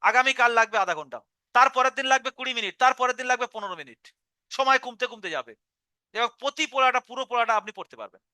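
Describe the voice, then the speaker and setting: High, bright-voiced man teaching a class. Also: fast, clear, resonant tone, dry recording, clean studio sound. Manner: patient, step-by-step explaining, repeats syllables aloud. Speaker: Quran reading teacher. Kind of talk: live online class instruction.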